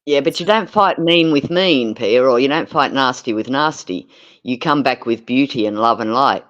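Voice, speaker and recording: A woman's voice: very deep voice, normal speed. Effusive Australian woman, lo-fi sound. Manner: effusive, chatty, swears casually. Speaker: livestream co-host. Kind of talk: casual chat.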